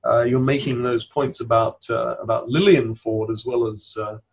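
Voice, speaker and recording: A man moderating a panel discussion, speaking in a measured way and inviting guests to share. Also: mid-range voice, steady tone, creaky.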